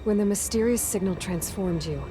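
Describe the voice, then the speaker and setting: An actress playing a defiant, sarcastic young hunter confronting a rogue machine. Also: female voice, medium pitch, moderate pace, lightly acted. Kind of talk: video game cutscene dialogue. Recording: game audio with loud music behind.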